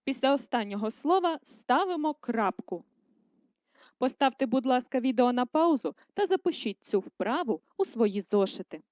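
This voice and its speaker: Woman teacher, slow clear dictation, lively pitch, dry dull lo-fi recording. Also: no room sound. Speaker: primary school teacher. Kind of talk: recorded video writing lesson for first graders.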